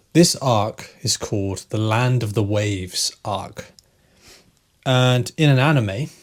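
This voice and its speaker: A man teaching English, retelling a story slowly for learners, repeating key phrases and checking in with "right?". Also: mid-range voice. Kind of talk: slow retelling for language learners.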